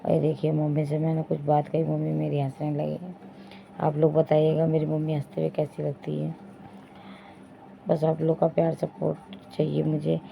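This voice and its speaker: A woman's voice: sits low, monotone, moderate pace, gravelly, warm tone. A young woman chatting straight to her viewers in a casual home vlog, pointing things out as she goes. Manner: chatty, addresses viewers directly, repeats "dekhiye". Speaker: vlogger. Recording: dull lo-fi phone audio with faint noise.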